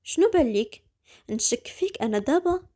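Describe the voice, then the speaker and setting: A woman's voice: expressive, a little fast, dark tone. A woman with a Moroccan accent voicing a furious, jealous young husband, angry and accusing. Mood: bitter. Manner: angry, accusing, lower-pitched.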